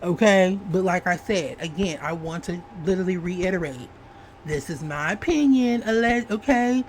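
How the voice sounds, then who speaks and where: A woman's voice: on the low side, normal speed, slight background noise, low-quality recording. A woman giving casual reaction commentary on a video channel, chatty and repetitive, hedging her opinions and calling the viewer "honey". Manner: chatty, repeats herself, hedges with "allegedly", says "honey". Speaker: commentary YouTuber.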